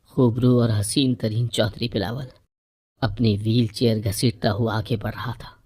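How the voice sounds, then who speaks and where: A woman narrating a first-person moral story in a measured, even reading voice. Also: a bass voice.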